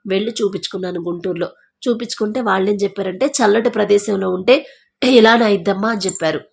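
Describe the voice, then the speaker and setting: Woman, emotional church testimony, acts out quoted speech. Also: medium pitch. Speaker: testimony giver. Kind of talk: personal faith testimony.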